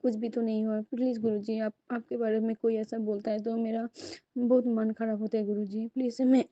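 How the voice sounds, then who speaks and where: A woman's voice: a little high, level tone, normal speed, warm tone, no room sound, lo-fi sound. A woman sharing a devotional testimony and prayer, speaking earnestly and addressing her listeners and guru again and again.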